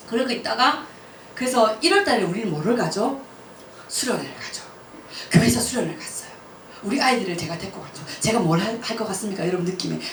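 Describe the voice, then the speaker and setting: A woman missionary telling a personal testimony at church, lively and laughing often as she acts out her own words. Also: a little high. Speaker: missionary speaker. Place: church hall. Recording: roomy church hall, mic from a distance, faint noise.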